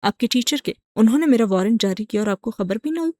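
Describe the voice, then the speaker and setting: A woman's voice: fairly high pitch, animated, no room sound, lightly acted. A woman reading the lines of a betrayed young man who accuses his wife bitterly. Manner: accusing, wounded, sharp questions.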